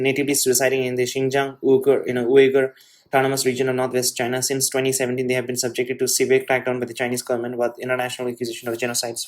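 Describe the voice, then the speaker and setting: A show host reads an essay aloud, pausing often to add his own comments. He speaks haltingly, restarting and filling gaps with "you know," in an ordinary mid-height voice with a level, narrow pitch.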